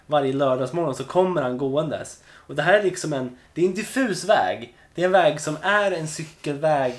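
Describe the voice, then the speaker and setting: Lively, animated man telling stories. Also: on the high side. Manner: animated, joking storyteller. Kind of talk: casual chat.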